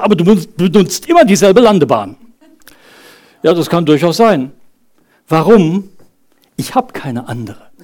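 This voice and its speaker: Man, 30s, preacher, sermon, earnest, conversational, rhetorical questions, slightly high pitch. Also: a little mellow. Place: church service.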